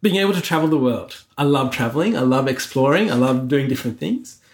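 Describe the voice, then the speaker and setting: A man's voice: medium pitch, animated, brisk, slight background noise. A middle-aged man from Sri Lanka co-hosting a casual podcast, talking earnestly and reflectively through a list. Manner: earnest, reflective, lists things one by one. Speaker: podcast co-host.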